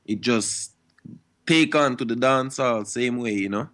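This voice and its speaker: A man's voice: medium pitch, measured pace, fairly bright tone. A young man, a reggae and dancehall artist, answering interview questions in a laid-back way with frequent "you know" and "you understand" tags. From Guadeloupe and Switzerland.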